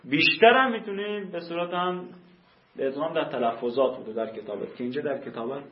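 A man teaching a grammar class, explaining rules slowly and repeating key terms for emphasis. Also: fairly high pitch. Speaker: teacher of Quranic Arabic grammar. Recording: echoey room, dull lo-fi sound.

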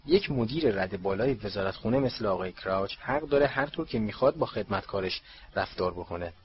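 A man's voice: fairly low pitch, animated, natural voice. A pompous young wizard who lectures with earnest conviction, as a male reader voices him. The sound is a bit dull and carries faint hiss. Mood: lecturing.

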